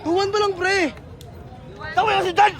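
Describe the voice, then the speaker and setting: A man giving excited, trash-talking courtside commentary on a street basketball match. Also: extremely high pitch, moderate pace. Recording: outdoor crowd and street noise.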